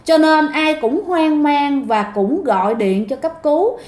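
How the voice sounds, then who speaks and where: High-voiced woman telling a ghost story. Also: unhurried, darkish tone. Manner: chatty, addresses listeners directly. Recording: echoey room.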